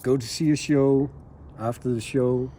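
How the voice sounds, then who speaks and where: A man from Denmark, a jazz musician, speaking softly and haltingly as an interview guest at a house. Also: mid-range voice, fairly even intonation, a little hiss or hum. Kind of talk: relaxed interview talk.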